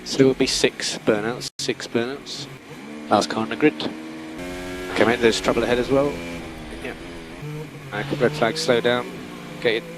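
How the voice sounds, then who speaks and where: A man's voice: mid-range voice, fairly even intonation, moderate pace, long pauses, over music. A man working as a race engineer, giving clipped, repeated instructions to a driver over race car radio. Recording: noisy team radio with car sounds.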